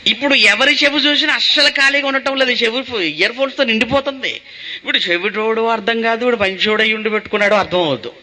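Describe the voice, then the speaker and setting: A man's voice: very high-pitched, quick pace, bright, forceful tone. A male pastor preaching a sermon, asking his listeners questions and answering them himself.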